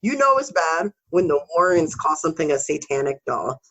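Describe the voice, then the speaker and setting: A woman's voice: low voice, very animated, a little fast, a bit bright, slightly rough, rough recording. A woman co-hosting a podcast, telling spooky stories in a casual, swearing, joking way. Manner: casual, swears, laughs between story beats. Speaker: podcast co-host. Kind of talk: casual storytelling podcast chat.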